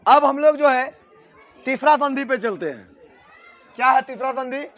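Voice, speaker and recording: Male teacher, unusually high voice, slow, repeats key words and keeps checking understanding; classroom grammar lesson, dull lo-fi recording. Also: a bit bright, some chatter behind.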